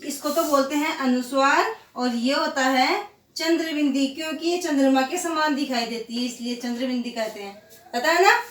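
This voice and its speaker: High-voiced woman teaching slowly in an echoey room. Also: fairly bright tone, far from the mic. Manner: slow, drawn-out repetition of example words; asks questions and answers them herself. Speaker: school teacher. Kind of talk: Hindi grammar lesson for children. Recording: echoey room, voice set back from the mic.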